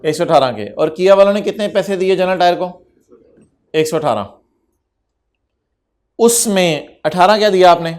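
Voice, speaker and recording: A man's voice: sits high, normal speed, pauses often, darkish tone. A man lecturing an accountancy class, teasing his students and dropping English terms into his explanation. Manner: code-switches into English terms.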